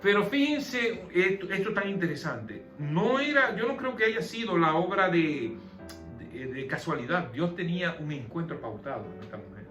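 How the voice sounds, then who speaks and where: This man has a high voice and a moderate pace, and he's very animated as he explains a Bible passage and asks his listeners questions in a conversational study. The room echoes, with soft music in the background.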